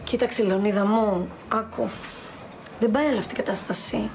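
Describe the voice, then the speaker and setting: A woman's voice: medium pitch, a little mellow, slight background noise, close to an everyday voice. An actress playing a mistress pressing her married lover to leave his wife, insistent and wheedling.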